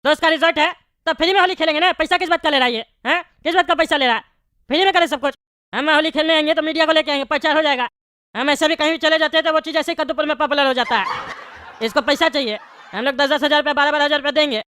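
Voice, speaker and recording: A woman voicing a bossy bald male politician in a cartoon comedy, scolding and bickering fast. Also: sits high, fairly bright tone, no room sound, studio quality.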